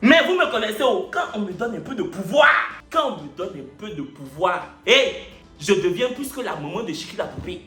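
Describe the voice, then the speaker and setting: Male vlogger, swooping bright delivery, mock-outraged bragging, roomy sound with soft music under. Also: high-pitched, brisk. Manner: animated, boastful, mock-indignant. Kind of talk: comic storytelling to camera. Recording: roomy echo, faint music behind.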